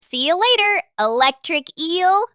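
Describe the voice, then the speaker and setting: A woman's voice: very high-pitched, sing-song, measured pace, no echo, full character voice. A woman voicing a cheerful young female sea captain who guides small children through a cartoon, gushing and sing-song with lots of exclamations. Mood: bubbly excited. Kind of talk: cartoon narration for toddlers. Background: loud children's music.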